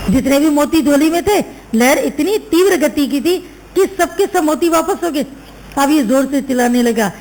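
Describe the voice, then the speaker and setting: A woman's voice: sits high, vocal fry, a little mellow, slight background noise, poor audio. A woman giving a sermon to a spiritual gathering. She tells a moral story, acts out the voices in it and repeats phrases for emphasis. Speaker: spiritual teacher.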